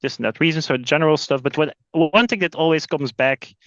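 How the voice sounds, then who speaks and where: A Belgian sales executive, a man, talks casually as a podcast guest, often repeating words as he restarts sentences. His voice is fairly high and a bit bright, and he speaks fast; the audio is lo-fi with no echo.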